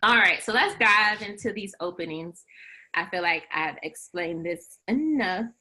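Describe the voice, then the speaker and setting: A young woman with a clear, bright voice runs a coaching webinar for law school applicants. She talks in a loose, animated, chatty way, with plenty of "like" and quick laughs between phrases. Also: medium pitch. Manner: chatty, animated, heavy use of "like". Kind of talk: webinar presentation.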